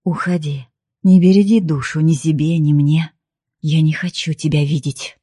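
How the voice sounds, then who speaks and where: A woman's voice: low voice, moderate pace, breathy edge, dry recording, studio quality. A woman reading a despondent young prisoner. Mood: cold. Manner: muffled, flat and cold. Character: young male prisoner, despondent, pushing lover away. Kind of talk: audiobook dialogue reading.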